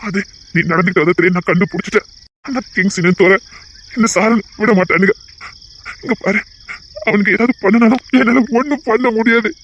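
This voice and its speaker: A man's voice: high-pitched, fairly quick, pauses often, fairly bright tone, a little hiss or hum. An actor playing a sorrowful, guilt-ridden older father who talks heavily and breaks into sobs. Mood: grave. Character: grieving older father, guilt-ridden protector of his girl. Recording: dull lo-fi audio.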